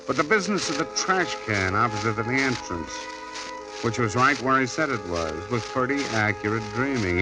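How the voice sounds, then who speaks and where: A man's voice: medium pitch, lightly acted, rough recording. A man playing a wry hardboiled private detective in a 1950s radio drama, narrating in a dry voice and questioning people.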